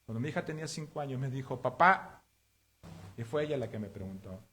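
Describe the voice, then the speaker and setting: A man preaching a sermon, moving between loud emphatic passages and hushed confessional storytelling. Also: mid-range voice, animated, rapid-fire. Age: adult father of three.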